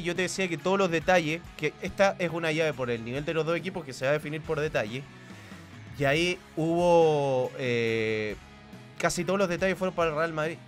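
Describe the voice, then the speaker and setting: A man's voice: fairly high pitch, fairly bright tone. A man co-hosting a football podcast, talking through a past match in a casual, analytical way with many restarts. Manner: analytical, thinks aloud with restarts.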